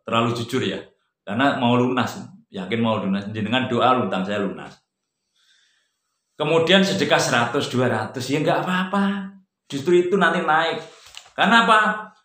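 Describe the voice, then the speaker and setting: A man giving an informal religious study talk, conversational, jumping from loud emphatic peaks to quiet, low asides. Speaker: religious teacher. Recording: roomy echo.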